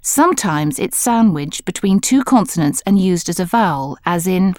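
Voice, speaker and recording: Lower-voiced woman narrating a language course. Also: lively intonation, a little mellow, dry recording, studio quality. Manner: clear, measured explanatory delivery. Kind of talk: scripted instructional narration.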